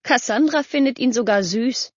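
A woman's voice: on the high side, moderate pace, darkish tone, no room sound, pitched above the performer's own voice, close to an everyday voice. A woman voicing an earnest, chatty teenage girl who talks insistently. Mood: eager. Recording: dull lo-fi audio.

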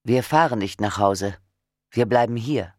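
A narrator plays a controlling husband, calm, firm and menacing, with an even, middle voice. The recording is dry and close. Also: male voice, lowish voice, measured pace, dry recording, lightly acted. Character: cold domineering husband, calm then gloating. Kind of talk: audiobook reading.

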